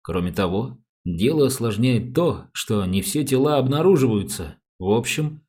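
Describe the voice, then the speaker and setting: A man narrating an audiobook with an even, unhurried reading. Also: mid-range voice, slightly rough. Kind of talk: scripted narration.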